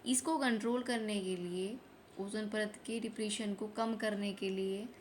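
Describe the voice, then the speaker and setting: A woman teacher running a quick exam revision lesson, asking each question and repeating the answer so it sticks. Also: mid-range voice, fairly even intonation, slight background noise. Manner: repeats each answer, mixes Hindi with English terms. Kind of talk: fast quiz-style revision lesson.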